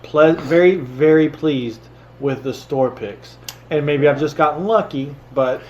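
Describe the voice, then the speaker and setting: A man's voice: on the high side, unhurried, dull audio, crowd noise. A man co-hosting a tasting video, giving his impressions in casual conversation. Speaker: co-host of a bourbon tasting show. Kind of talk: casual chat, tasting review.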